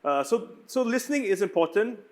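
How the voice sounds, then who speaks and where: A man's voice: high-pitched, expressive, a little fast. A man speaking thoughtfully and conversationally as a panelist. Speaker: panelist who does interviews. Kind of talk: panel discussion.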